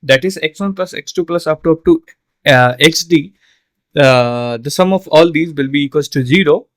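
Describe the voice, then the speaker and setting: This male online tutor speaks at a normal speed in a somewhat high, fairly bright voice, with no room sound. Yawning and tired, he explains an exam solution one step at a time, full of fillers and tag questions.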